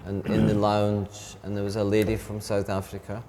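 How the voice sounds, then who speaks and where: A Scottish man in his fifties, a teacher, chatting as an interview guest and speaking slowly and clearly on purpose. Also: on the low side, monotone, dark tone. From Scotland. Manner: deliberately slowed, clear speech. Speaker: head of an English department, guest. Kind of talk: casual interview chat. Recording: long reverb with faint background noise.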